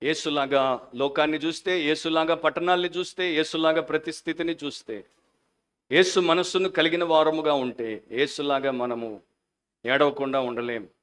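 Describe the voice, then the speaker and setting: Male pastor, fervent sermon delivery, slightly high voice, smooth and resonant. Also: fairly even intonation, moderate pace. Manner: fervent preaching, shifting into quiet prayer; mixes English phrases into Telugu.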